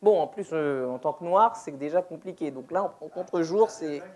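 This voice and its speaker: A woman presenting a deaf ministry workshop in a church, playful and quick to laugh, with hesitant restarts. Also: deep voice, lively intonation, warm tone. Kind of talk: interactive church workshop talk. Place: church hall, indoors.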